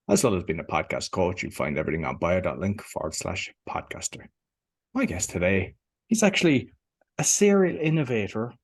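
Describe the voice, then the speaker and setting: A man hosting a podcast, reading a promotional intro and then asking questions. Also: fairly low pitch. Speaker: podcast host. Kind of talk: scripted podcast intro and interview.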